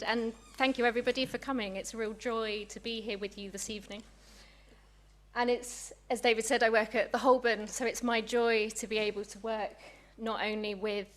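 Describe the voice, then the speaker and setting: A young woman, a museum curator, giving a public lecture in a chatty, friendly way, a little out of breath. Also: on the high side. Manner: warm, chatty, apologetic asides. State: slightly out of breath.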